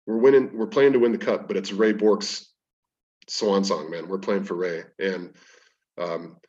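A man's voice: low voice, fairly even intonation, unhurried, darkish tone. A man as a podcast guest, telling rambling stories about his coaching work, with frequent restarts. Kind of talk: casual storytelling interview. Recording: distant, dull lo-fi sound.

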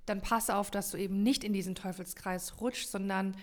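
A woman's voice: medium pitch, steady tone, normal speed. Emphatic woman explaining on a podcast. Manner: emphatic, talks in long runs with many fillers. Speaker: podcast co-host. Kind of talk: casual explanatory podcast chat.

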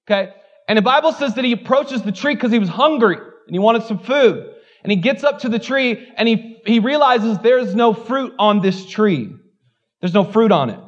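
With a high voice, lively intonation, and normal speed, a pastor gives a church sermon over dull-sounding audio. He comes across candid and easygoing, mocking himself gently and saying "like" again and again.

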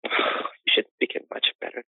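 Talking fast over a dry, tinny phone-style connection, an American interior designer is interviewed conversationally about his life and work. He spins long stories in a chatty way and laughs frequently.

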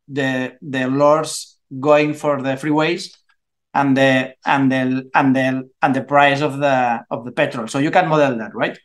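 A man's voice: a little high, a bit bright. A native Spanish-speaking man with a Spanish accent explains his work off the cuff as a guest teacher, groping for English words as if translating in his head. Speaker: investment course teacher and guest.

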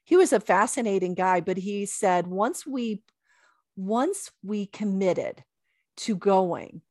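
A woman's voice: mid-range voice, takes it slowly, a little mellow, no room sound. Emphatic woman guest, close dry sound. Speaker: podcast guest. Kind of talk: casual conversational interview.

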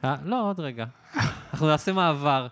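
A man's voice: fairly high pitch, lively intonation, fairly bright tone, clear, resonant tone. Young man, podcast host, casual chat, playful interjections.

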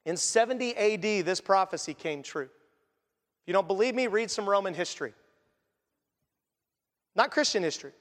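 High-voiced man preaching in a reverberant hall. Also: lively intonation, normal speed, pauses often. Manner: earnest, conversational preaching with sudden quiet drops. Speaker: pastor. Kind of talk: sermon.

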